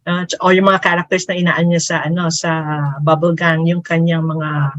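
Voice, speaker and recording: A woman's voice: on the low side, flat delivery, moderate pace, fairly bright tone, no echo, muffled recording. Chatty woman podcaster, dry sound. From Philippines. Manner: chatty, laughs often, mixes Tagalog and English. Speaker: podcast co-host. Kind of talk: casual chat.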